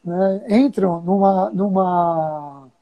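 A woman's voice: lowish voice, dull audio. A woman with a Brazilian accent, a Buddhist teacher chatting casually and telling stories with frequent chuckles. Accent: Brazilian Portuguese. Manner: storytelling, chuckles often, drawn-out pauses. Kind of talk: casual conversation.

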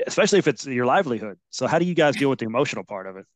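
A man hosting a podcast who asks interview questions in a relaxed way and laughs easily. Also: mid-range voice, rapid-fire, dry recording. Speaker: podcast host.

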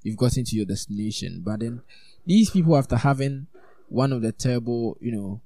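A man's voice: mid-range voice, animated, fairly quick, warm tone, dry recording, poor audio. A man preaching a sermon in a conversational way, reading scripture and adding reflective asides.

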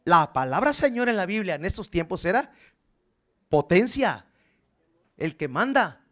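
A male pastor delivers a sermon in a high, lively voice that climbs and drops freely. He tells the story with drama and keeps turning to the congregation with questions. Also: unhurried. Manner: animated, dramatic storytelling preaching.

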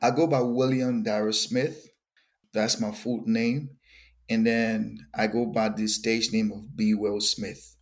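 A man's voice: lowish voice, flat delivery, takes it slowly, faint music behind. A young Liberian man with a Liberian accent, a gospel musician talking earnestly in a podcast interview and often repeating words. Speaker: gospel musician and worship leader.

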